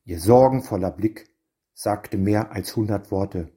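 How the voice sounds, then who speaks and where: Slow, low-voiced male storybook narrator. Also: warm tone. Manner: measured, slow and deliberate.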